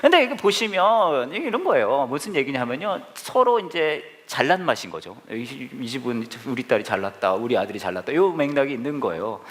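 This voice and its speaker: Man preaching, fast and lively, self-deprecating humor in front of a congregation. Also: mid-range voice. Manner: jokey, self-deprecating, animated. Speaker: pastor. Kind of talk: humorous storytelling sermon. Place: church service with live congregation.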